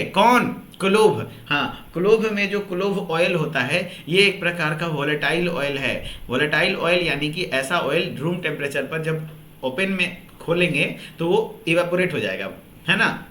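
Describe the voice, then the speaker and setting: Man, tutor, tired, chatty exam-prep lecture, bright tone, roomy echo. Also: on the high side. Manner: conversational teaching, repeats answers as questions to the class. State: tired after a full day of work. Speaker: pharmacy teacher.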